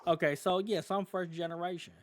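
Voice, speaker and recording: Over a loud crowd, a high-pitched man from California co-hosts a podcast, speaking fairly quickly with fairly even intonation. His delivery is casual and opinionated, full of fillers and false starts.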